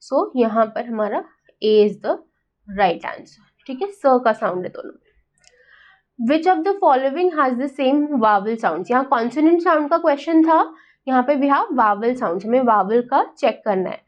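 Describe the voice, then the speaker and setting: A young woman teacher with an Indian accent, a little high in pitch, giving a lesson in very slow, drawn-out phrases. She keeps asking "right?" and "got it?" to check that her listeners follow. The recording sounds dull and lo-fi. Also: expressive. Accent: Indian English. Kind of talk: exam-prep lesson mixing Hindi and English.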